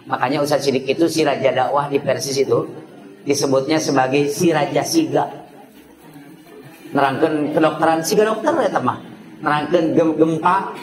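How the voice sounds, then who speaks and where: A male preacher with a Sundanese accent giving a lively, joking sermon to a women's gathering, mixing in sound imitations. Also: medium pitch, noisy background. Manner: switches between Indonesian and Sundanese, jokes, imitates sounds. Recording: echoey room with audience.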